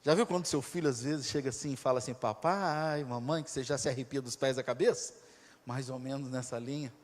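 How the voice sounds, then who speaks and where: A male pastor with a Brazilian accent preaching a sermon, telling the story dramatically, swinging from loud to hushed. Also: medium pitch, fairly quick. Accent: Brazilian Portuguese. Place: church. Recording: reverberant church hall.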